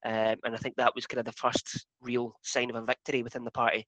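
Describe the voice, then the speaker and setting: A man from the Scottish Highlands with a Highland accent, giving an informal political talk in a hesitant, halting way with repeated words. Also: level tone, a bit bright, no room sound. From Scottish Highlands and Islands. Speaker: political campaigner.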